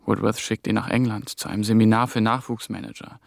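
In a clean, dry studio recording, a young man speaks fast in a fairly low, steady, gravelly voice. He's the lead actor and narrator of a radio drama, playing an ambitious young German intern who is on the run, hunted and haunted. He tells his story in clipped, brooding phrases, and the mood is tense.

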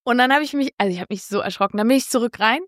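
A woman telling a story in casual chat, animated and a little crude, quoting herself in a raised voice. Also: fairly high pitch, rapid-fire, dry recording, studio quality. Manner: lively, casual, swears, quotes herself with raised voice. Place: Switzerland.

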